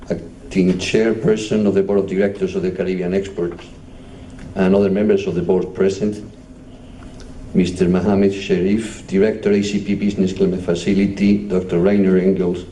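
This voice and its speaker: Spanish-accented male official, low and mellow voice, formal measured delivery, caught from a distance in an echoey hall with faint noise. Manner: measured, formal, reading out titles. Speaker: European Union official giving a speech. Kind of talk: formal conference speech.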